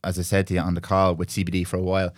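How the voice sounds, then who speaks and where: A man's voice: low voice, monotone, rapid-fire, no echo, studio quality. A man hosting a podcast in a conversational, polite and informal way. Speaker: podcast host.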